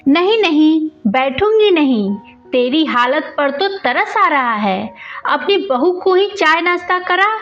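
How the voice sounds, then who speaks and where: A meddlesome older neighbor aunt scolds with a reproachful tongue in a storybook reading, voiced by a woman. The voice is high and slow-paced. The recording is dull, with faint music behind. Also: animated, fairly bright tone, exaggerated voice.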